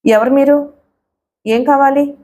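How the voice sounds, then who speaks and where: Woman doing an impatient secretary, curt, brisk, fairly high voice, audiobook. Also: fairly even intonation, darkish tone.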